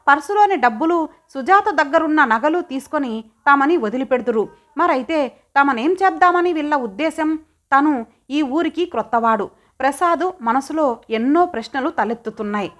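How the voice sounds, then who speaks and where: A woman reading a magazine story aloud as an audiobook narrator, in a steady, dramatic reading manner. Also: sits high.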